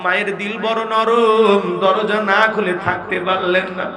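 A man's voice: high voice, level tone, moderate pace, over music. A man preaching a waz sermon to a crowd, telling a story in an emphatic, half-sung delivery. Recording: echoey loudspeaker sound with crowd.

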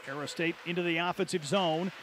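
A man calls hockey play-by-play from an arena with a high, lifted voice. He rattles off names and passes at speed and bursts out when a goal goes in, with faint noise under the mic. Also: steady tone. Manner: rapid play-calling, erupts on goals. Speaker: play-by-play announcer. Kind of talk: play-by-play sports commentary.

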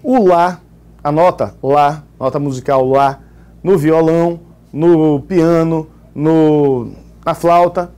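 High-voiced Brazilian co-teacher. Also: male voice, fairly even intonation, slow, mellow, clean tone. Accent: Brazilian Portuguese. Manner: jokey, reads out audience towns. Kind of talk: live exam-prep class broadcast.

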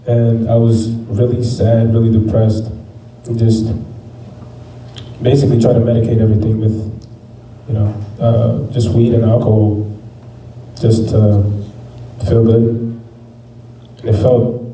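A young man sharing a personal faith testimony, talking in a halting, reflective way with many fillers. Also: on the low side, monotone, mellow. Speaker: testimony speaker. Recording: echoey room, mic at a distance, faint background noise.

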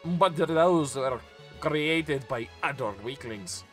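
Pompous menacing villain voiced by a man, booming and drawn out, lively pitch. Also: over music. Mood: menacing, grandiose. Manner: loud, drawn-out, theatrical archaic speech. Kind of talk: improvised character voicing during a game stream.

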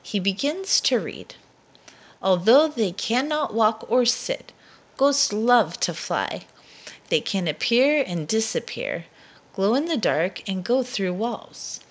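A woman reads a picture book to young children slowly, with a breathy edge to her voice. Her pitch varies widely, and she lingers on key words with dramatic, expressive storyteller emphasis.

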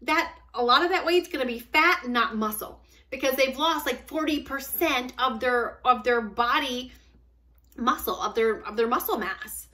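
A woman in her forties coaching viewers on fitness in an upbeat, chatty way. Her voice sits a little high and sounds bright and forward. She's close to a webcam in a small room, emphatic and quick to laugh. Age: 40s. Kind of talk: casual direct-to-camera talk.

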